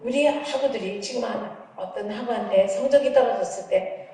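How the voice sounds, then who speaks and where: A middle-aged woman professor giving a lively lecture, telling funny stories and acting out dialogues. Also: fairly high pitch, normal speed, slight background noise. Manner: animated, humorous storytelling that acts out dialogues. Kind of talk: lively lecture with acted anecdotes. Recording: echoey hall from far off.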